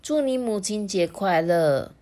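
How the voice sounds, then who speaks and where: A woman's voice: medium pitch, animated, unhurried, dark tone, voice pushed up, natural voice. A woman voicing a nervous little boy who stammers, in a children's storybook reading. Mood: earnest. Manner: stammering, breaks off mid-word.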